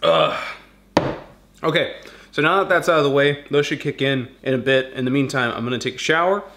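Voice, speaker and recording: A man's voice: medium pitch, fast talker, background noise. A young man vlogging in a casual, rambling way, with a slight lisp from new braces, sometimes talking while he chews. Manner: chatty, rambling, talks while chewing. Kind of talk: casual vlog chat.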